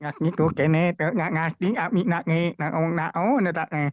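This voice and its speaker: A man's voice: a little high, normal speed, no room sound, highs cut off. A man in an online class, mimicking a half-robot, glitchy call voice in garbled, choppy syllables. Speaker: class participant. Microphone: video call.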